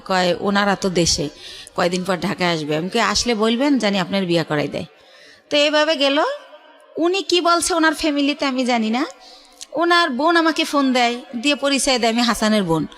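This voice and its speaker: A middle-aged woman with a colloquial Bangladeshi accent tells her life story as a radio interview guest, chatting and acting out reported dialogue along the way. Her voice is on the high side, animated, a bit bright and a little fast, with faint music behind her.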